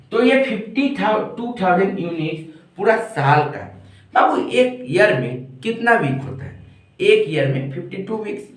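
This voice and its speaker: A man teaching an online commerce lesson, speaking slowly because he is a little unwell. He keeps asking questions and answering them himself. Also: high voice, a bit bright. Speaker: commerce tutor. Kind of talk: online lecture working through a problem. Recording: very echoey room, distant mic.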